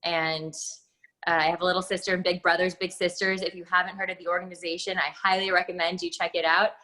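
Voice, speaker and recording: A woman guest on a video call, speaking earnestly and a bit haltingly. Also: on the low side, little pitch movement, bright, forceful tone, low-quality recording. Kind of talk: casual interview talk.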